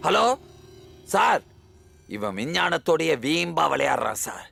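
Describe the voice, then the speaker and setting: A gravelly, blustering police officer. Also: male voice, on the high side, very animated, measured pace, bright, forceful tone, exaggerated voice. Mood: pompous. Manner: pompous, barking orders. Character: blustering self-important police officer man. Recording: film soundtrack with background music.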